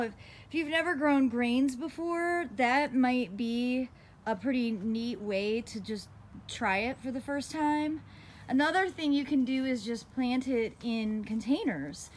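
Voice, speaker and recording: A woman's voice: fairly high pitch, a little hiss or hum. A woman chatting casually and laughing easily as she walks through her outdoor garden, filming on a phone. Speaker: gardening vlogger.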